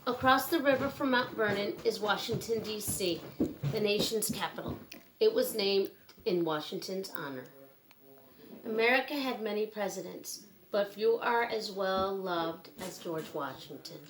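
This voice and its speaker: A woman with a medium-pitched voice reads a children's book aloud, telling the story simply and at a measured pace with pauses. Background noise is audible.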